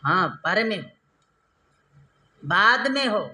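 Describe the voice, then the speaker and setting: Slow high-voiced male teacher quizzing students. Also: lively intonation, sharp tone. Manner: repeats terms and quizzes students with rhetorical questions; slow, drawn-out stressed syllables when explaining. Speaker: Sanskrit grammar teacher. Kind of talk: classroom lecture.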